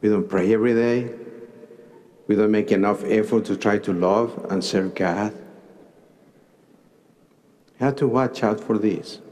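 A man in his sixties with a Mexican Spanish accent, an archbishop preaching a homily slowly in short deliberate phrases at a cathedral pulpit microphone. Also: lowish voice, steady tone, darkish tone. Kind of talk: sermon. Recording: long cathedral reverb.

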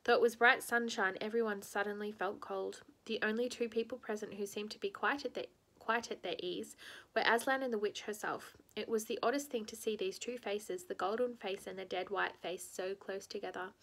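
A woman's voice: medium pitch, steady tone, normal speed, a bit bright. A woman reading a children's novel aloud in a casual, unpolished way, with frequent ums and restarts. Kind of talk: casual read-aloud narration.

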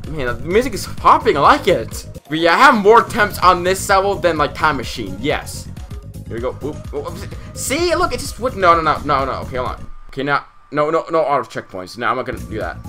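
A man recording let's-play commentary from inside a closet at night, excitable and frustrated, talking to his viewers. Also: a little high, fairly quick, faint music behind. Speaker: gamer.

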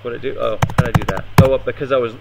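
A man's voice: mid-range voice, little pitch movement, racing, very noisy. A man giving a live coding demo at a meetup, thinking aloud and hesitating often. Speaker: meetup presenter. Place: meetup room.

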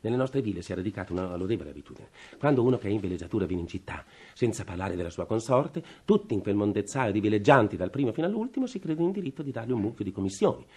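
An actor playing a desperate, worn-out middle-aged state official with a breathless, pleading manner, in 1950s radio drama. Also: male voice, on the low side, lively intonation, racing, few pauses, warm tone, slightly rough. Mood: weary complaint. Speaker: worn-out family man begging for a revolver.

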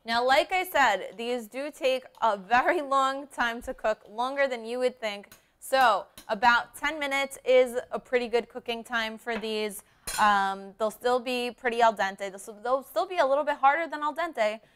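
Smooth bright young woman host. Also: on the high side, normal speed. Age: young adult. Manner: chatty, explaining steps, upbeat. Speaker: cooking show host. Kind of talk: casual cooking demonstration. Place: large home kitchen studio.

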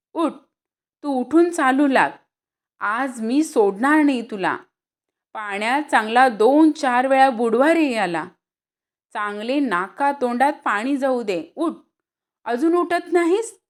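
An angry storybook mother scolds at a high, loud pitch, voiced by a woman reading aloud. She is stern and sharp, and she drives her words hard.

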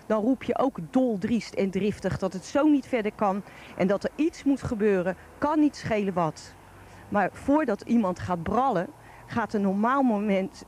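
Sitting on a park bench outdoors, a middle-aged woman with a broad Rotterdam Dutch accent reads an opinion column aloud in a blunt, colloquial, colourful manner. Her mid-range voice is a little mellow, captured on a handheld microphone held close, with faint outdoor noise in the background.

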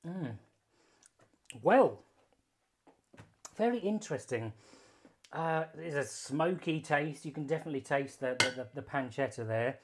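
A man's voice: a little high, expressive, unhurried, long pauses, a little hiss or hum. A young British man in a home kitchen, chatty and self-mocking, swearing and using slang while he cooks. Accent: British English. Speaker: cooking vlogger. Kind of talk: casual cooking review. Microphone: phone camera filming hands.

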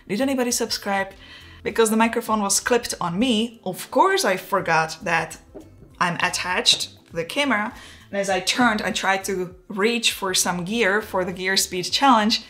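A Czech woman in her forties with a Czech accent and a mid-range voice chats casually as a photography YouTuber, laughing at herself. She's relaxed and self-deprecating, gesturing with her hands in an indoor home studio while recording a talking-head vlog on a wireless lapel mic.

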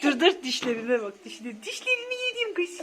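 A woman's voice: high voice, very animated, fairly quick, heavy background noise. A mother cooing baby talk to her infant in a singsong, repetitive way, filmed on a phone at home. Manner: cooing, singsong, repeats herself. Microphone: phone camera.

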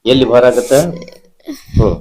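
A man's voice: medium pitch, steady tone, moderate pace, a little mellow, low-quality recording. A man leads a ritual session as a spirit healer. He presses with short commands and questions, repeating them again and again without letting up. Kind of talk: ritual interrogation.

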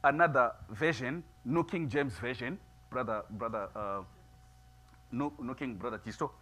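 A middle-aged man preaching a sermon in a small church, moving from quiet musing to loud, emphatic preaching. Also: medium pitch, moderate pace. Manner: builds from soft musing to loud preaching, gestures widely. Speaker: pastor. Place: small church sanctuary, seated before altar flowers.

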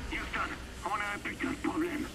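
An actor playing an excitable young male hacker teammate in a video game, irreverent and animated, over loud music. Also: a little fast, natural voice. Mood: alarmed.

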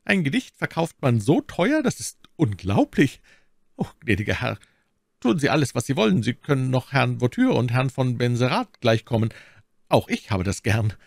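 A man voicing an excitable, fawning male servant. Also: mid-range voice, moderate pace, creaky, no room sound, studio quality, voice pushed up. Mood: excited.

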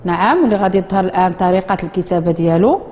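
A woman with a Moroccan accent teaching a children's reading lesson in a classroom, slowly drawing out words for the pupils to repeat. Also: lowish voice, lively intonation, a little mellow, long reverb tail. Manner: slow, drawn-out modeling of words for children. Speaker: primary school teacher.

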